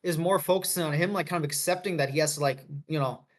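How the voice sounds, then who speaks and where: Fast-talking rambly man. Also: on the high side. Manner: rambling, heavy on fillers, self-correcting. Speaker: podcast co-host. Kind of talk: casual movie discussion.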